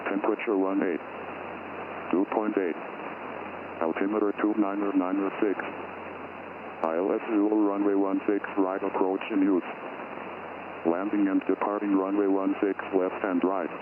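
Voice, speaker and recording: A man reading out an airport weather broadcast in a measured, clipped way, heard over an aircraft radio. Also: low-pitched, level tone. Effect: recorded airport weather broadcast over aircraft radio. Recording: tinny aircraft radio with loud cockpit noise.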